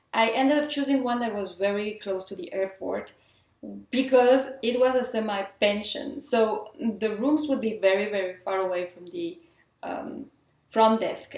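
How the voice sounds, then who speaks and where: Chatty and earnest, a Mexican indie filmmaker with traces of French in her accent passes along tips for making films. Her medium-pitched voice is a little mellow and full of enthusiasm, and there's a roomy echo around it.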